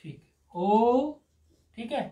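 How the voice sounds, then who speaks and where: A man's voice: very high-pitched, expressive, drawn-out words, mellow. A man teaching Sanskrit grammar in a live class, explaining patiently step by step and asking his students questions. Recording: roomy echoey room.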